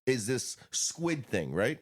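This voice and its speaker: A man co-hosting a laid-back podcast, rambling loosely and throwing "bro" around. His pitch leaps high and drops low as he talks. The sound is plain, everyday conversation. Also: sing-song, slow. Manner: rambling, says "bro" often. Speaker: podcast co-host. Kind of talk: casual chat.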